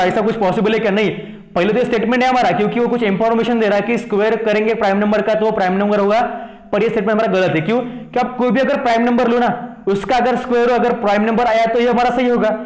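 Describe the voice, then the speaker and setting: In a reverberant space, a high-voiced man with an Indian accent teaches maths, switching between Hindi and English. He often asks students questions to make sure they're following, repeating them and coaxing with "thik hai na".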